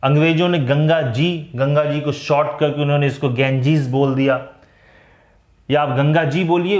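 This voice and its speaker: A man with a Hindi accent teaching English grammar in a classroom-style lecture, mixing Hindi and English and slowing down to spell out the English example phrases. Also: mid-range voice, darkish tone. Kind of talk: classroom lecture for exam students. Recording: echoey room.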